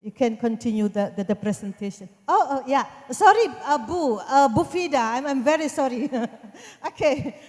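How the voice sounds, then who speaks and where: A woman's voice: high voice, animated, normal speed, few pauses, darkish tone. A woman with an Indonesian accent moderating conference questions, hesitant and repeating her instructions. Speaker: session moderator. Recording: echoey hall with long reverb.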